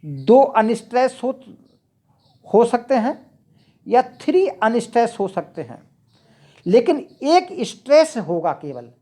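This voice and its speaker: A woman lectures at an unhurried pace, her voice a little high but soft and warm in tone. She explains patiently, repeating key terms and dropping English definitions into her teaching. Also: big pitch swings. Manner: slow, repetitive, mixes English definitions into Hindi.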